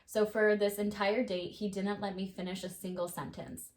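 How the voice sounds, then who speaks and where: A woman co-hosting a casual chat podcast, her voice sitting at an ordinary middle pitch. She tells her stories with energy and swears freely along the way. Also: normal speed. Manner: animated storyteller, swears freely. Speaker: podcast co-host; mother.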